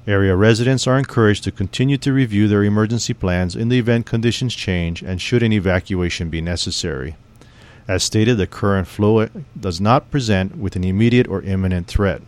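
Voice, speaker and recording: A man reading a scripted civil defense information broadcast in a formal, measured, grave manner. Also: fairly low pitch, a little mellow.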